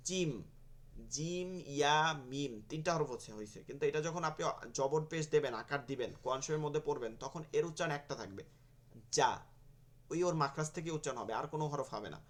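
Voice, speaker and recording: Patient male teacher, a bit high-voiced, repeats each letter sound for students. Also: racing, few pauses. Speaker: Quran teacher. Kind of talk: online pronunciation lesson.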